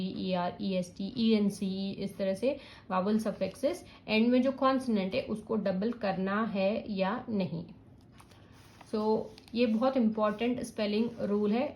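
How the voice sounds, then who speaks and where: Slow, patient woman teaching. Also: medium pitch, a little mellow, rough recording. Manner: patient, step-by-step explaining with checks like "yes". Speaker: parenting channel teacher.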